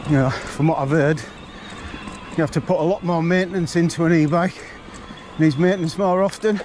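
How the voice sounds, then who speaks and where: A man's voice: a little high, steady tone, a little fast, darkish tone, a little hiss or hum. A man, a bit out of breath, chatting bluntly to camera while riding an e-bike up a forest trail. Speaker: mountain biking vlogger.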